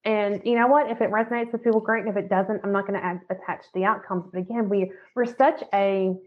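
A woman's voice: mid-range voice, steady tone, quick pace. A woman speaks earnestly about forgiveness and letting go, candid and unguarded, dropping the odd swear. Her voice comes through thin and phone-like, as if over a call. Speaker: podcast guest, forgiveness teacher. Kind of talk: casual podcast chat. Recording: tinny phone-like audio.

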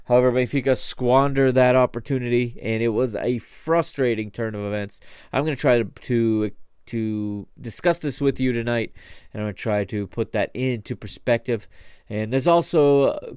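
A man's voice: mid-range voice, normal speed, darkish tone, smooth, dry recording, clean studio sound. A man hosting a solo sports podcast, talking to his listeners. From United States. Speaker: podcast host.

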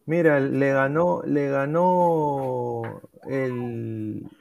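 A man's voice: mid-range voice, drawn-out words, gravelly, a little mellow, dull audio. A man chatting on a football podcast over a video call, laid-back and hesitant, calling the others "hermano". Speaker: podcast panelist. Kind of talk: casual football chat.

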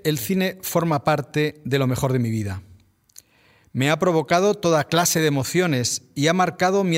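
A man with a Spanish accent hosting a podcast, reading a scripted narration in a measured, reflective way. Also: fairly high pitch. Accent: Spain Spanish. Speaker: podcast host.

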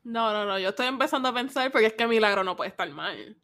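A woman co-hosting a casual chat with brief reactions and quick laughs. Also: fairly high pitch, a bit bright.

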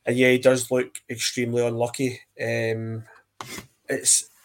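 A man's voice: medium pitch, completely flat delivery, a little slow. A man co-hosting a casual football podcast, exasperated and full of rhetorical questions. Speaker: podcast co-host.

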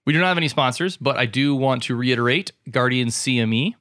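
A man's voice: mid-range voice, a little fast, a bit bright, no room sound, clean studio sound. A man who is an emergency physician hosting a casual medical podcast, upbeat and jokey.

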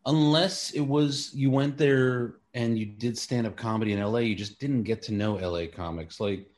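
Wry and rambling, this Queens-born comedian fills his interview answers with "like," "you know" and other fillers. He speaks at a normal speed in a medium-pitched voice with a darkish tone.

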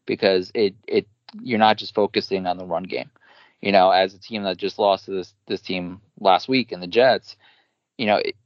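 Man, New Jersey accent, very low voice, confident and talkative, podcast guest, dull dry sound. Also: dry recording. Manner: confident, talkative, many fillers. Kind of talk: casual sports betting chat.

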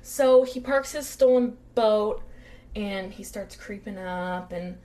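A woman's voice: mid-range voice, slow pace, mellow. A young woman co-hosting a podcast, telling a true-crime story casually, acting out quotes and swearing freely. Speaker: podcast co-host.

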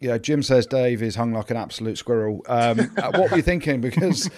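Fast-talking, cheeky man. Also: mid-range voice, darkish tone. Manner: cheeky, blokey. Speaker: podcast co-host. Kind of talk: casual sports banter.

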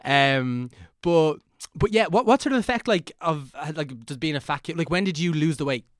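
A man's voice: on the high side, animated, moderate pace, no room sound, clean studio sound. An Irish man in his twenties hosting a podcast, rambling with lots of filler words while asking probing questions. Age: 20s. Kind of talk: casual podcast chat.

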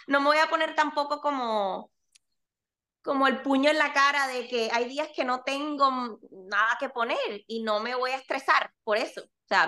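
A woman in her forties, a guest in a casual interview, talking quickly and acting out the voices she quotes. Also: sits high. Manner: animated, rapid, acts out quoted voices. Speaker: guest, content creator.

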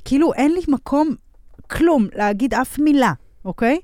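A woman's voice: sits high, animated, warm tone, dry recording, clean studio sound. A woman co-hosting a podcast in casual chat, reflective and full of fillers. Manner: reflective, uses many fillers. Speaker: podcast co-host.

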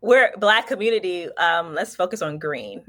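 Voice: mid-range voice, expressive, moderate pace, bright, forceful tone. An interviewer chatting casually and asking questions in a conversational way. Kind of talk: casual chat.

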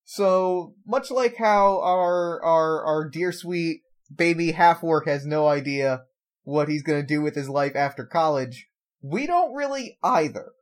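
A man's voice: a little high, expressive, a little slow. A man co-hosting a podcast, chatting casually and playfully as he explains a game. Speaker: podcast co-host.

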